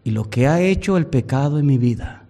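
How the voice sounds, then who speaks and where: A male preacher voicing a broken, weeping man who once modelled for a painter, speaking low and insistently. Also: lively intonation, fairly quick, dark tone. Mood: grieving.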